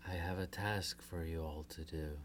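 A woman voicing a gentle fairy queen and mother in a storybook, speaking softly in a comforting, near-whispered tone. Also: very deep voice, steady tone, moderate pace, a little hiss or hum, pitched below the performer's own voice. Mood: tender.

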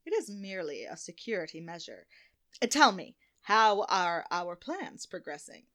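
A woman plays a cool, scheming villain mastermind in a comic radio play. She speaks in clipped, menacing tones in a fairly low voice. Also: very animated, moderate pace, fairly bright tone. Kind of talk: comic old-time radio play acting.

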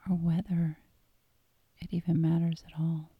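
A woman guiding a hypnosis meditation in a calm, soothing tone, soft and breathy, often close to a whisper. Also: lowish voice, measured pace, no echo, narrow, tinny audio. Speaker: hypnosis guide.

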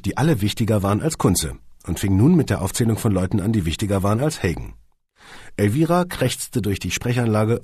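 A man narrating an audiobook with dry humour, now and then turning to address the listener. His voice is low and husky, with a lively, varied melody. The recording is close and dry. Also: no room sound. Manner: wry, dry humour, speaks to the listener directly.

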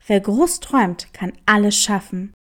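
Earnest young boy hare, a bit lower, lively and pleading, played by a woman. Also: unhurried, close to an everyday voice. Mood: eager. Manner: eager, earnest. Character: young male hare, eager dreamer.

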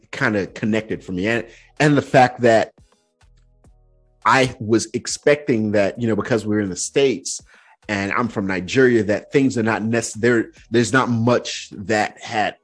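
A young man hosting a podcast, telling stories in a relaxed, chatty way full of "like" fillers. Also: lowish voice, a little slow, breathy edge, faint music behind. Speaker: podcast host. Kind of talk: casual conversational storytelling.

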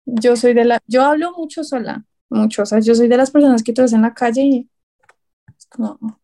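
High, mellow Colombian woman telling stories. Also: fairly quick. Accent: Colombian Spanish. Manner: lively, acts out quotes, laughs often. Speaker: guest, writer. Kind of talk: casual storytelling conversation.

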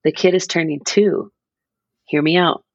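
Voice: mid-range voice, steady tone, a little slow, no echo, dull audio. A person in their mid-twenties chatting casually on a podcast, rambling and restarting as they explain an idea. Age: 20s. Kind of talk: casual chat.

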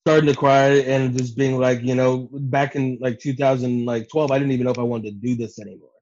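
A man with a mid-pitched voice on a slightly dull, lo-fi recording. He recaps events in loose podcast chat, acting out what others said and swearing freely. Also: flat delivery, brisk, a little mellow. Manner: swears freely, acts out quotes. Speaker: podcast co-host. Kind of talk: casual animated recap chat.

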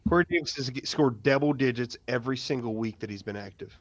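A man co-hosting a casual fantasy football podcast from home over a remote call, teasing and quick to argue his picks. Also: mid-range voice, dry recording. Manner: argumentative, teasing. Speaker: podcast co-host. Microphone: remote call mic.

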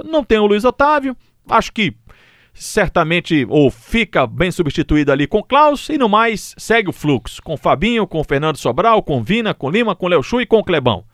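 Cheery cearense guy hosting a footy podcast, high voice, dry close sound. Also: no room sound. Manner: upbeat, chatty, frequent "né?" tag questions. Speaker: podcast host. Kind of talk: casual sports podcast chat.

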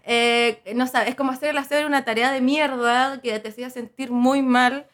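A woman with a Chilean accent, a podcast guest chatting casually, lively and laughing, swearing freely. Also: high voice, normal speed.

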